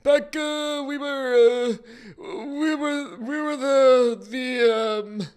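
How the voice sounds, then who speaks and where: A man's voice: extremely high pitch, drawn-out words, clear, resonant tone, voice pushed up, full character voice. A man voicing a mad, rambling ancient human wizard who loses his train of thought and takes offense easily. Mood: shrill rambling. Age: older. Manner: scatterbrained, indignant, rambling with trailing restarts.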